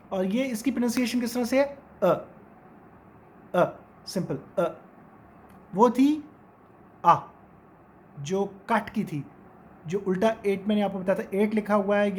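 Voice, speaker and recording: A man's voice: sits high, a little mellow, slight background noise. A man teaching English phonetics in a recorded lecture, drawing out and repeating each vowel sound and example word aloud. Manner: slow, repeats sounds and words aloud to demonstrate them.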